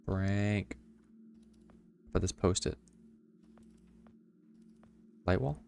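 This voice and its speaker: A man streaming a video game, reading clues aloud and making wry, deadpan quips. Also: low-pitched, extremely slow, creaky, slight background noise. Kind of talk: casual gameplay commentary.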